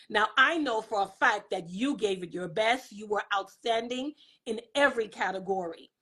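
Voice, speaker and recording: A woman's voice: a little high, fairly bright tone. A woman from the Bahamas hosting a live interview over a video call, speaking in an affirming, encouraging way. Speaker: host.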